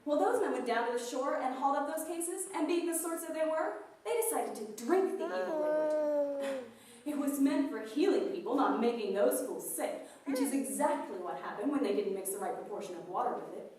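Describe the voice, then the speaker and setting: A woman's voice: high-pitched, lively intonation, a little fast, darkish tone. A woman playing a prim, fiery village temperance crusader in a live theatrical monologue, preachy, indignant and declamatory. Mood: gossipy, scornful. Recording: very echoey, distant live performance recording.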